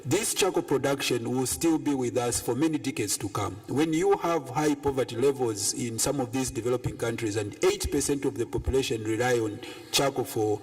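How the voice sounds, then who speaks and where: A man's voice: mid-range voice, brisk, few pauses. Hesitant man making a panel comment. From Zambia. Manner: hesitant, many fillers and restarts. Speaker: panel participant. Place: conference room.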